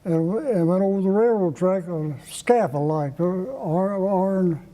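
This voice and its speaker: An elderly man from Kentucky with an Appalachian accent, casually reminiscing in a folksy, halting way as he repeats phrases. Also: high voice, warm tone. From Kentucky, United States. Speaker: interviewee recalling childhood. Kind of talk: casual oral-history reminiscence. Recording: echoey reverberant room.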